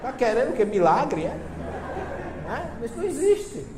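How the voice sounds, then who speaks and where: A man's voice: very high voice, sing-song, moderate pace, a crowd in the background. A man with a Northeastern Brazilian accent giving a seminar talk, telling stories with humor and asking his audience questions. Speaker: seminar lecturer on Bible translations. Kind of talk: lively seminar talk with anecdotes. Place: lecture hall before an audience. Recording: echoey hall with long reverb, faint hiss.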